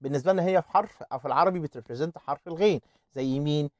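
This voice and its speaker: Man, Egyptian Arabic accent, online language lesson, quick talker, dry close sound. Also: fairly high pitch, no room sound. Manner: drills words by repeating them slowly. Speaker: English teacher.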